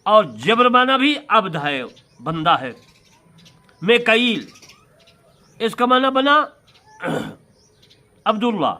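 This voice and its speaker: Male preacher, sermon lecture, high voice, bright tone, lively pitch swings, drawn-out emphatic words. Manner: emphatic, draws out key words, repeats points. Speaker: Islamic preacher explaining scripture commentary. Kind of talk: sermon-style religious lecture.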